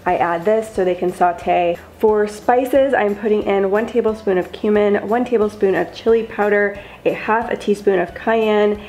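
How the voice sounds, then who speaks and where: A woman's voice: mid-range voice, moderate pace, a little mellow, echoey room. Upbeat young woman walking through meal prep. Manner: upbeat, chatty, step-by-step instructions. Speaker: lifestyle vlogger. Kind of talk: cooking vlog voice-over. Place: home kitchen.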